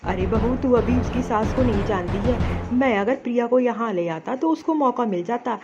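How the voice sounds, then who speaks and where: A woman's voice: fairly high pitch, moderate pace, lo-fi sound, music in the background, lightly acted. A woman voicing a kindly, reassuring father who soothes his crying daughter in a cartoon story. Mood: soothing. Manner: coaxing, reassuring.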